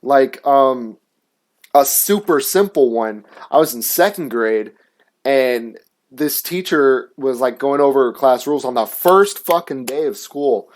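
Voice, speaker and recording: A man's voice: mid-range voice, lively intonation, measured pace. A young man hosting his own show, telling a story in a casual, aggrieved rant full of swearing and filler words. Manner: profane, filler-heavy, aggrieved. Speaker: show host.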